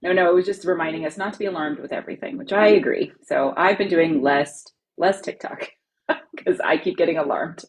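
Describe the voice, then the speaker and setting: A woman's voice: on the low side, a little fast, slightly rough, low-quality recording. A woman co-hosting a live stream on education advocacy, chatting casually with viewers, laughing often and saying "like" a lot. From lives in Ohio. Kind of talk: casual chat answering viewer comments.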